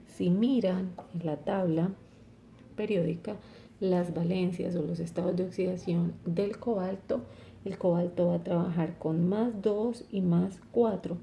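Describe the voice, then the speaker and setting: A woman's voice: on the low side, steady tone, measured pace, creaky, dark tone, a little hiss or hum. A woman teaching a chemistry lesson, explaining step by step and often checking with "¿cierto?". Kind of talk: recorded online lesson.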